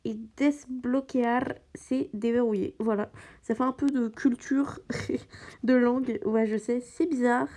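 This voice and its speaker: Speaking slowly with fairly even intonation, a French-speaking woman narrates her gameplay for her channel. Her mellow voice sits on the high side, and she hesitates often, restarting sentences and using lots of fillers.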